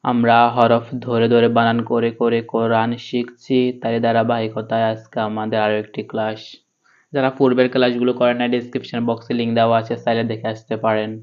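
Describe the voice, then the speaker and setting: A man teaching Quran reading letter by letter, spelling each syllable and then chanting the verse slowly. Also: medium pitch, completely flat delivery, clear, resonant tone, lo-fi sound.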